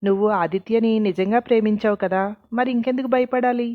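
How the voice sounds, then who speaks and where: A woman's voice: fairly high pitch, fairly even intonation, a little fast, dry recording, phone-quality sound, lightly acted. A woman voicing a determined young woman in a storybook reading, speaking firmly and directly. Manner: firm, direct.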